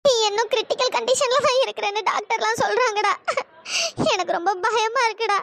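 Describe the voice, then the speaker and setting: A woman voicing a young woman heroine in a cartoon story, pleading and sobbing in a very high, sped-up voice. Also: expressive, fast talker, a bit bright, dry recording. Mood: tearful.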